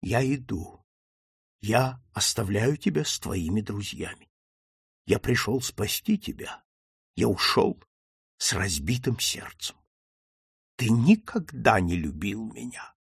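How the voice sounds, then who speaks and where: A man's voice: lowish voice, normal speed, few pauses, slightly rough, no room sound, clean studio sound. A man voicing a distraught older father who pleads with his son in a trembling voice. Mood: heartbroken. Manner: trembling, pleading, rising to cries.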